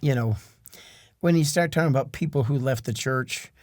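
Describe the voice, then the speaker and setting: A man's voice: medium pitch, normal speed, darkish tone, dry recording, studio quality. A man co-hosting a casual podcast, talking in an earnest, reflective way with lots of trailing asides. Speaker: podcast co-host.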